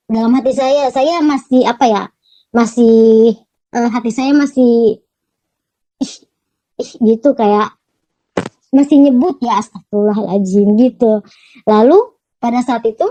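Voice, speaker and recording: A young woman from Gorontalo shares her personal testimony in a halting, searching way, full of fillers and restarts, and she often turns to her listeners directly. Her voice sits fairly high yet sounds soft and warm. The recording is close and dry. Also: no room sound, rough recording. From Gorontalo, Indonesia. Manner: addresses listeners as "Saudara". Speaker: testimony giver.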